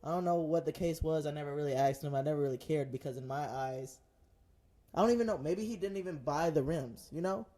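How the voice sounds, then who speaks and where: Laughing, animated young-sounding man. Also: a little high, fairly quick. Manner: animated storyteller, laughs often, slangy. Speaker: podcast co-host. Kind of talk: casual chat.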